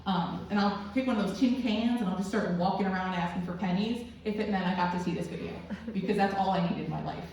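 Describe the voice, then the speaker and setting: A young woman telling a rambling, crude stand-up story full of self-deprecating asides. Her voice sits at an ordinary middle pitch. It is caught from a distance in a very echoey room with faint noise underneath. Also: fast, hardly any pauses, darkish tone. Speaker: stand-up comedian. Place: small student comedy club room.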